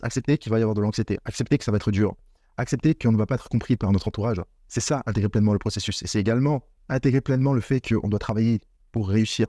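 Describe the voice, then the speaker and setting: A man's voice: mid-range voice, warm tone, no echo, clean studio sound. A man giving a motivational talk on business mindset straight to the viewer, earnest and repetitive. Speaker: online business coach. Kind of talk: direct-to-camera motivational talk.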